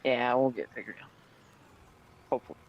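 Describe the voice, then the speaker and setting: A man's voice: mid-range voice, quick pace. A man playing along in a multiplayer game, speaking briefly and politely over voice chat. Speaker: co-player. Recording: muffled lo-fi voice chat.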